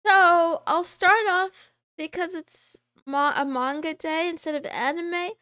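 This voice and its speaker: A woman's voice: extremely high pitch, sharp tone, no echo, studio quality. A woman streamer chatting casually through a voice changer, rambling and laughing often as she talks. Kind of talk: casual chat.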